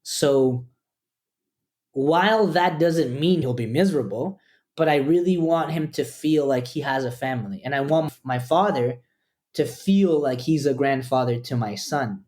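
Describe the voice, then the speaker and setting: A man from Costa Rica, a podcast guest, speaking earnestly and slowing down to weigh his words in a reflective interview. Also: medium pitch, darkish tone.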